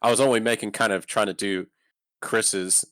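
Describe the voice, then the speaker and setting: A man leading a casual group chat in a halting, rambling way. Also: on the low side, steady tone, fairly bright tone, no room sound. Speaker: leads the group conversation.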